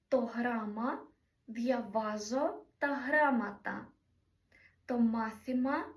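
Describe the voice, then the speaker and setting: A woman explains grammar patiently, pausing to spell out each example slowly and clearly. Her voice sits a little high, and the recording picks up the room with her set back from the mic. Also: darkish tone, roomy sound, recorded from a distance. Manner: slow, careful spelling-out of Greek examples. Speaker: Greek language teacher.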